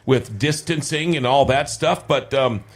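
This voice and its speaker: A man from Minnesota hosting a radio talk show, chatting casually and rambling a little as he jokes with his guests. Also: mid-range voice. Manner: chatty, rambling, quick to joke. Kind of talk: casual studio chat.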